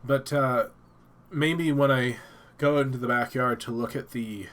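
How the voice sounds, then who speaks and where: A man's voice: mid-range voice, steady tone, measured pace, a bit bright. A man hosting a casual live stream from his home office, stuffed up and thinking aloud with many fillers and restarts.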